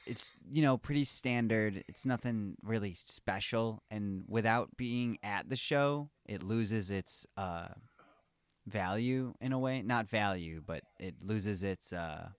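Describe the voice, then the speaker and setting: A man co-hosting a podcast in easygoing chat, with a lowish, smooth voice. He leans on fillers and lets his sentences trail off. The sound is dry and close. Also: slow pace, no echo. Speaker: podcast co-host. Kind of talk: casual chat.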